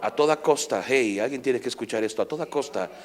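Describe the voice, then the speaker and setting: A man's voice: mid-range voice, fairly quick. A man with a Mexican Spanish accent preaching a sermon as pastor, impassioned and full of rhetorical questions. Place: church sanctuary. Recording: long church hall reverb.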